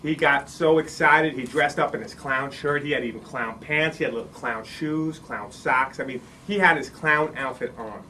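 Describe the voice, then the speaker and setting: A man telling a long shaggy-dog joke in an animated, drawn-out way, recorded from a distance with faint ambience. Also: medium pitch, a little hiss or hum. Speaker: joke teller.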